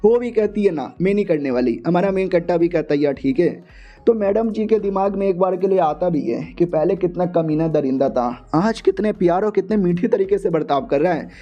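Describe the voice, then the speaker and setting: A man narrating a story recap in a chatty, colloquial, excited way. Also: sits high, a little fast, few pauses, lo-fi sound, faint music behind.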